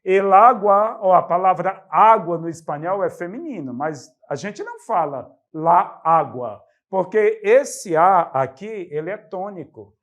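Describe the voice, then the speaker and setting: A man from Brazil explaining Spanish grammar to students, stressing the example words loudly. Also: high voice, lively intonation, measured pace, hardly any pauses. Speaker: Spanish teacher. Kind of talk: classroom explanation.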